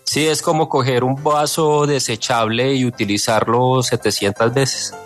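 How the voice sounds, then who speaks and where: A man's voice: mid-range voice, steady tone, a little slow, a bit bright, soft background music. Dry self-deprecating man. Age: 40s. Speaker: radio co-host. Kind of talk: joking studio banter. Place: radio studio.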